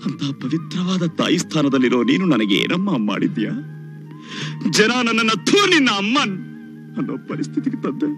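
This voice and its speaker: A man's voice: high voice, very animated, moderate pace. An actor playing a grown son who speaks to his mother, turning from tender to bitter and pleading, in film melodrama dialogue with music underneath. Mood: bitter reproach. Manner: emotional, swings from tender to bitter reproach.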